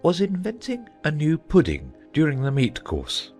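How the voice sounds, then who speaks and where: The role: a gentle old knight, a solemn, muddled inventor, performed by a man in a storybook drama with faint background music. Speaking at normal speed, he rambles with earnest thought while his pitch leaps between low and high. His mood is absorbed and self-assured.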